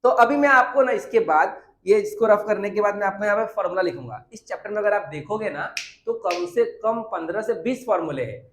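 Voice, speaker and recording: A man's voice: sits high, expressive, a little fast. Man teaching in an echoey classroom. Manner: asks questions and answers them himself, repeats key points. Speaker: commerce teacher. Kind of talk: classroom lecture at a whiteboard. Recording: echoey room.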